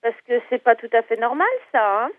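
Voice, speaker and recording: A woman's voice: a little high, brisk, no echo. A woman from an animal shelter on the phone, indignant and insistent. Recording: tinny phone line.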